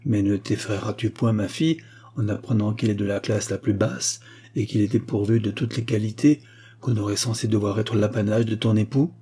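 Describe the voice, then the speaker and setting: A man's voice: fairly low pitch, fairly even intonation, moderate pace, dark tone, husky. A man voicing a remorseful, tender aristocratic mother in an audiobook reading, earnest and confiding.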